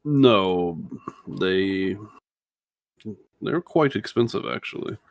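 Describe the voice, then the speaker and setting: A man's voice: low-pitched, animated, drawn-out words, dry recording, clean studio sound. A man playing a tabletop role-playing game who speaks in character and laughs often.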